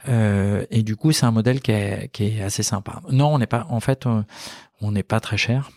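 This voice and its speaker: A man in his forties talks through his business in a relaxed interview, pausing often with fillers and starting sentences over. His voice sits on the low side and is recorded close and dry, with no room sound. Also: dry recording. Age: 40s. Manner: hesitant, many fillers and restarts. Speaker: company founder. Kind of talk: casual interview chat.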